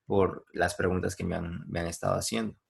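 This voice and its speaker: A low, gravelly male voice with an Ecuadorian accent, teaching a class over a video call. He explains patiently, stopping for examples and asking his students whether they follow. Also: little pitch movement, a little fast. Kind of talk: online class lecture.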